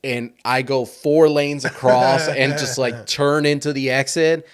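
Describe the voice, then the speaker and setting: A man's voice: medium pitch, fairly even intonation, a little slow, clear, resonant tone. A young man, hosting a podcast and telling rambling stories in casual chat. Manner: rambling storyteller, many restarts. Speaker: podcast host.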